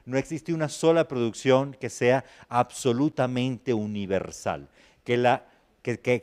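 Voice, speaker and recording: A man's voice: medium pitch, darkish tone. A man teaching a master class on acting. He lectures conversationally and keeps checking in with the students. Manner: conversational, often asks "¿sí me explico?". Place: university classroom.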